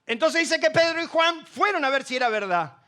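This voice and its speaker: A man's voice: extremely high pitch, expressive, a little fast, pushed and bright. A middle-aged male pastor with a Rioplatense Spanish accent, preaching a humorous, story-filled sermon and asking the congregation questions. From Argentina.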